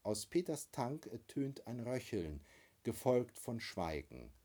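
A man reading first-person literary narration aloud as an audiobook narrator, with expressive, wry storytelling. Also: mid-range voice, slow, breathy edge.

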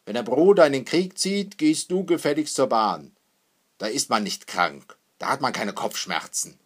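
Guy voicing a gruff bossy old dad, loud and commanding, husky. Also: mid-range voice, very animated, normal speed. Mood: stern. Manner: barking, commanding. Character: stern iron-willed old father, gruff.

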